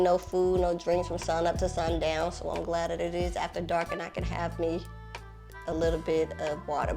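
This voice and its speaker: A woman hosting an interview in casual chat, animated and playful, laughing often. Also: lowish voice. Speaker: host.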